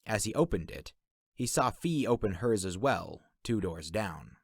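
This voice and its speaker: A man narrating a fantasy adventure story in an expressive storybook style. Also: on the low side, a little slow, husky, dry recording, studio quality. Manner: expressive, voices all characters.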